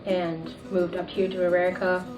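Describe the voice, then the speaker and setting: A woman's voice: lowish voice, little pitch movement, normal speed. A woman speaking plainly and conversationally in an interview. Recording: echoey room, mic far off.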